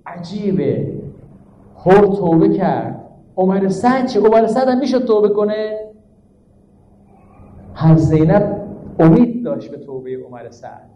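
A man's voice: sits high, sing-song, pauses often, warm tone. A man giving a sermon, asking his listeners rhetorical questions, stressing his points, and reciting Arabic verses. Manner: rhetorical questions, emphatic teaching tone. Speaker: preacher. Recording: dull, echoey hall recording.

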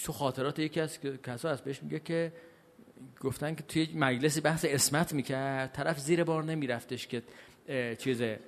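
A man with a fairly high voice gives a religious lecture from a large hall, and his words trail off in a long reverb. He keeps asking the audience questions and answering them himself. His pace swings between slow, weighty stresses and quick asides. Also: fairly even intonation. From Iran. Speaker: cleric giving a religious talk.

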